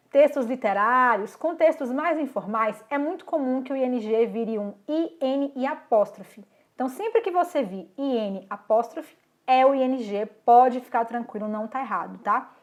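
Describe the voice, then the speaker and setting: A woman with a Brazilian accent teaching English through song lyrics, reading out English lines slowly and demonstrating pronunciation. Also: a little high, a little mellow. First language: Portuguese. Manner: slow, deliberate explanations, sounds out English words and lyric lines.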